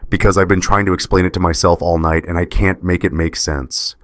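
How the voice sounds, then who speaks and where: A man's voice: deep voice, steady tone, brisk, no room sound. A man narrating a first-person story, tired and bitter, confronting his partner.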